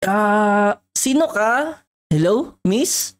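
A woman hosting a Minecraft role-play channel, excitable and talking straight to her viewers. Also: mid-range voice, very slow. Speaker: gaming YouTuber, host.

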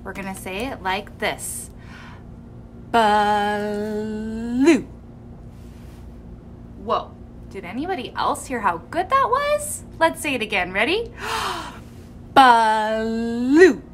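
A young woman teaching small children speech in a playful, expressive way, modeling sounds and words slowly with exaggeration. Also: a little high, slight background noise. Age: young adult. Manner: animated, expressive, gasping in mock surprise. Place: small indoor room with curtain backdrop.

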